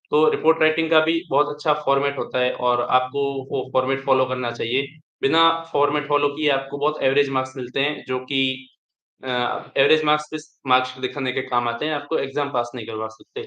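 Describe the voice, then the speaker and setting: A man's voice: mid-range voice, a bit bright, highs cut off. A young man who topped an exam explains how to structure answers, restarting phrases as he advises. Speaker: exam topper sharing tips. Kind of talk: live online interaction. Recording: echoey room.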